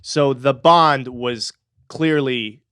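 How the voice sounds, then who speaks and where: A man's voice: medium pitch, drawn-out words, fairly bright tone, clear, resonant tone, no echo, studio quality. A young man co-hosting a casual pet-care podcast, telling a story with frequent fillers and chuckles. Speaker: podcast co-host. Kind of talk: casual chat.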